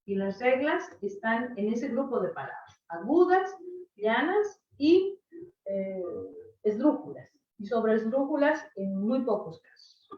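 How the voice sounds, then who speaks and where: A woman's voice: on the high side, lively intonation, slow pace, a little mellow. Distant, echoey woman teacher lecturing. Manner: explanatory, asks "¿no?" and "¿sí?" often. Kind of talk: online class lecture. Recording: echoey, distant, dull lo-fi sound.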